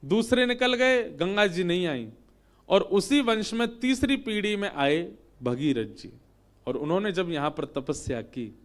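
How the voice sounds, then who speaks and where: A man telling a devotional religious story as a sermon, with expressive, swelling emphasis. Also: high voice, clean tone.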